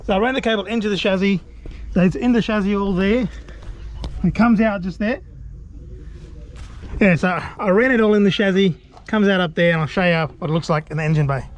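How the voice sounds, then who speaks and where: Standing outside by a vehicle, this Australian DIY video host chats informally with viewers as if to a mate while walking through a how-to. He speaks with a high voice, a little fast, leaving long pauses, and the audio sounds dull. The action camera picks up outdoor sound with clear background noise.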